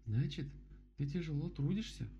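A man voicing a kind, caring female bear in a children's storybook, with a gentle, questioning manner. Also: fairly high pitch, animated, moderate pace, dull audio, a little hiss or hum, voice pushed up. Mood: earnest.

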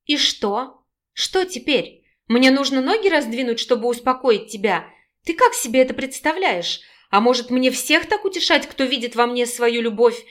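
A defiant young woman with a sharp, sarcastic tongue, read aloud by a woman in an audiobook. She snaps her words in a fairly high voice. Her scorn never lets up. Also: lively intonation, moderate pace. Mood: scornful. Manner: snapping, sarcastic. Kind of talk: audiobook character reading.

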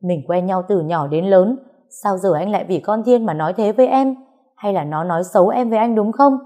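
A woman voicing a spiteful young female rival who whines and accuses in a shrill, raised voice. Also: expressive, fairly quick, dark tone, natural voice. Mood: shrill accusing.

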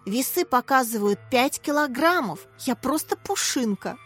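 A woman's voice: sits high, expressive, normal speed, a bit bright, breathy edge, faint music behind, pitched above the performer's own voice, full character voice. A woman voicing a cheerful, sly little schoolgirl in a storybook reading. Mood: excited.

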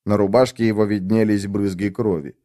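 A man narrating an audiobook in an expressive storytelling manner. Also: lowish voice, fairly quick, no room sound, studio quality.

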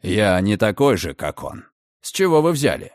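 Man doing a sly, menacing gentleman. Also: big pitch swings, moderate pace, no room sound, clean studio sound. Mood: mocking. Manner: low, quiet, drawling. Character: mocking, menacing grown gentleman, sly and cold.

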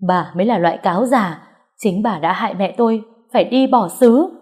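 A woman's voice: medium pitch, brisk, darkish tone, close to an everyday voice. A woman voicing a young woman who is crying, wounded yet defiant. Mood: tearful.

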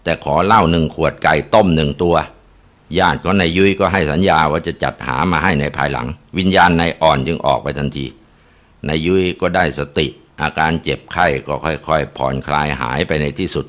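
A man narrates a ghost story in a very low, deep voice. He builds the tension dramatically and drops in an occasional filler sound. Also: a little fast, fairly bright tone.

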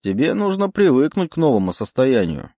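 A man's voice: medium pitch, very animated, brisk, warm tone, no echo, studio quality, voice pushed up. A man reading an audiobook, voicing a mocking, cruel demon voice with a sneering manner.

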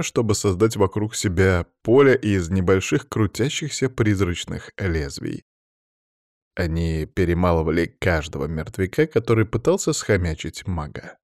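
A man narrating a fantasy audiobook in the first person with steady, measured storytelling. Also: on the low side, no room sound, studio quality.

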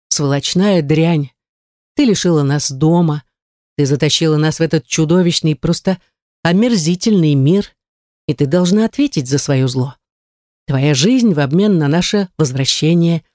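A woman voicing a cruel, mocking young man who speaks in a hushed, menacing voice. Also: sits low, lively intonation, normal speed, dry recording, clean studio sound. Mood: hushed menace.

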